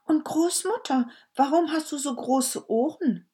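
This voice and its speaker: A woman's voice: high-pitched, a little slow, dark tone, pitched above the performer's own voice. A woman voicing a trusting little girl in a fairy tale, asking wide-eyed questions in a raised voice. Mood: wondering.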